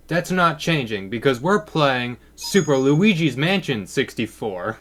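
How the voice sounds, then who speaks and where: A man's voice: mid-range voice, a bit bright. A teenage boy giving casual, rambling let's-play commentary as the host of his gaming channel, swearing and exclaiming as he goes. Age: teens.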